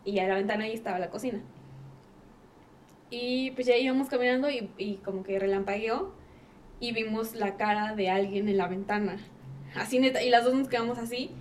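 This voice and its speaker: A woman with a Mexican Spanish accent tells a story in a relaxed podcast chat, slangy and animated. Her voice sits fairly high. She is a bit far from the mic, with faint room noise around her. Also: a little fast. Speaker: podcast guest.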